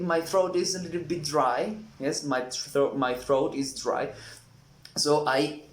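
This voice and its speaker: A man teaching English vocabulary in a lesson, acting out each example in an animated way. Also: on the high side. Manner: slow, animated, acts out examples. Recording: echoey room.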